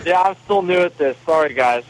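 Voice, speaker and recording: A man's voice: fairly high pitch, a little fast. A racing driver, a man, giving a matter-of-fact phone-in interview, his voice heard over a phone line. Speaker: off-road racer calling in as guest.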